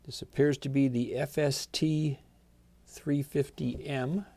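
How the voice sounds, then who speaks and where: Man, gravelly voice, mellow tone, folksy guitar vlog host. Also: medium pitch, takes it slowly, no room sound. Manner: relaxed, folksy, chatty. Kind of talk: casual unboxing vlog.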